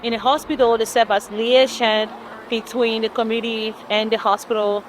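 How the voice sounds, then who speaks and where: Woman health worker explaining her job, steady pace. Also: on the high side, normal speed, slight background noise, low-quality recording. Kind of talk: interview clip.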